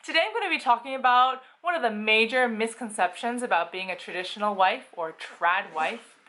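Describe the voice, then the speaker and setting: A woman's voice: on the high side, fairly quick, bright, forceful tone, poor audio. A woman in her thirties giving an opinionated, stream-of-consciousness monologue at home while putting on her makeup. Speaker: vlogger.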